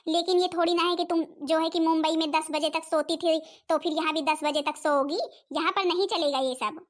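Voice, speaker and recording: A woman's voice: extremely high pitch, fairly even intonation, fairly quick. A woman playing a nagging village mother-in-law. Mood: scolding. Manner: scolding, nagging. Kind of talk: village family skit acting.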